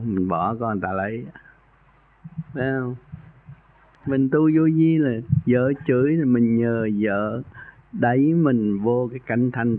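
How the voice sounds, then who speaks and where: A male spiritual teacher counsels a caller in an earnest, folksy manner, with his voice climbing when he stresses a point. His voice sits at an average pitch. The sound is squeezed into a narrow, phone-like radio band. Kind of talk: meditation teaching in a radio call-in.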